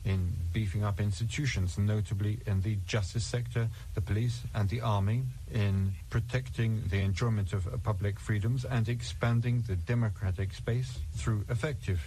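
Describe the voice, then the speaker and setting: A man giving a live interpreter's voice-over of a speech, in a formal, measured delivery. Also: lowish voice, steady tone, dark tone, slight background noise, poor audio.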